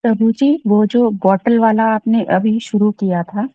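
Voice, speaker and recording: A woman's voice: on the high side, steady tone, a little slow, dry recording. A woman with an Indian accent asking questions respectfully and conversationally, as a devotee. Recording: dull, muffled lo-fi audio.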